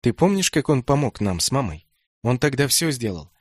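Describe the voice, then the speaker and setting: A man's voice: medium pitch, very animated, normal speed, no echo, studio quality. A man voicing an anxious adult daughter who scolds and insists. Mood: persuasive. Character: bossy anxious adult stepdaughter.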